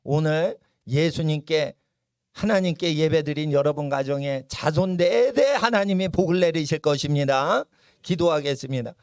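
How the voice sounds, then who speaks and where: Male pastor, fervent sermon delivery, slightly high voice, dry church recording. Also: steady tone, normal speed, a little mellow, smooth, no echo. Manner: emphatic, keeps asking the crowd "예?"; chanting prayer rising in pitch. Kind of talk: fiery political sermon and prayer. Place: church service.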